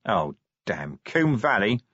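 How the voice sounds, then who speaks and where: A man voicing a weary male watch commander who speaks curtly and sardonically, his voice raised and lively. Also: lowish voice, slightly rough, dry recording, full character voice. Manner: curt, sardonic, brisk. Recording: dry, slightly dull audiobook sound.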